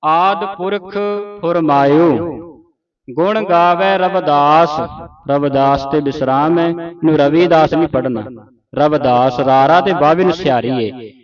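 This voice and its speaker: A man teaching scripture recitation, reading each phrase slowly and correcting how words are pronounced. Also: a little high. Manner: slow, syllable-by-syllable recitation with pronunciation corrections. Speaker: gurbani teacher. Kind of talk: santhya recitation lesson. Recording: dull audio with a group repeating. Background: a group of students repeating the words.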